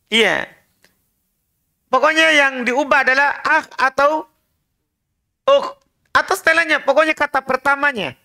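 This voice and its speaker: A man's voice: extremely high pitch, vocal fry, pushed and bright. A man teaching an Arabic class, drilling his students with patient, repeated prompts and corrections. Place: prayer room classroom.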